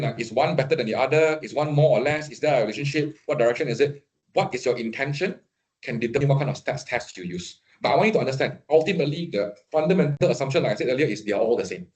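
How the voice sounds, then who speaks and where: Man lecturing on statistics. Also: medium pitch. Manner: conversational, keeps asking "right?" to check understanding. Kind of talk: university statistics talk.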